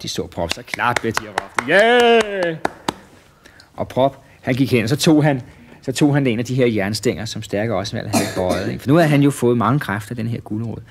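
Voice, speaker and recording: A man narrating a children's story in a relaxed, lively way with small hesitations. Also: on the low side, background noise.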